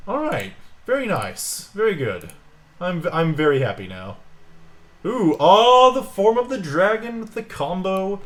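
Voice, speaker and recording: A man giving casual, excitable commentary while opening card packs, with jokey asides. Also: mid-range voice. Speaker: pack-opening streamer.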